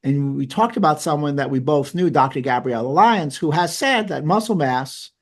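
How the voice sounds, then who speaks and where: A man's voice: a little high, expressive, normal speed. A man with a New York accent hosting an interview, chatty and jokey with enthusiastic asides. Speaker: podcast host. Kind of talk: casual interview.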